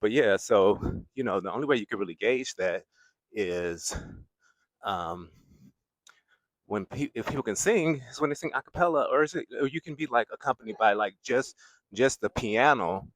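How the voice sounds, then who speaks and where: Out on a city boulevard, a young man vlogs as he walks, holding a handheld mic and rambling with frequent laughter before circling back to his point. He speaks expressively at a moderate pace in a lowish, fairly bright voice, with no echo.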